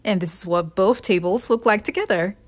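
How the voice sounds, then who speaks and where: Over background music, a woman with a mid-range voice speaks fairly quickly, giving a scripted, step-by-step voice-over that explains a craft tutorial.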